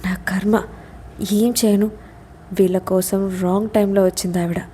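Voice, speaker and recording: A woman's voice: mid-range voice, flat delivery, moderate pace, dark tone, a little hiss or hum, lightly acted. A woman reading as a fearful male servant. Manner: jittery.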